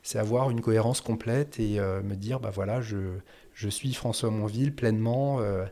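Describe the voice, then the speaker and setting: A man's voice: on the low side, moderate pace, warm tone. A man speaking as a podcast guest in a casual interview, hesitant, with many fillers and restarts.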